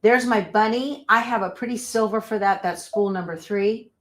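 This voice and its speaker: A woman's voice: medium pitch, normal speed, fairly bright tone. A woman teaching machine embroidery on a live stream, thinking aloud as she sets up her machine and chatting with viewers. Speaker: embroidery instructor. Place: sewing room.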